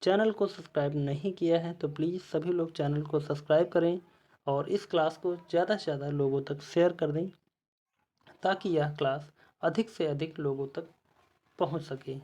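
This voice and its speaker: A male teacher giving an exam-prep lesson, reading out quiz questions and their options one by one in a measured way. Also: fairly high pitch, dark tone.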